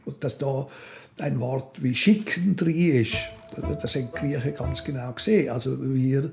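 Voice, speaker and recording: Reflecting philosophically as a guest in a relaxed interview, this older man from Switzerland has a Swiss German accent. He talks at normal speed in a creaky, medium-pitched voice over music, in a musing way.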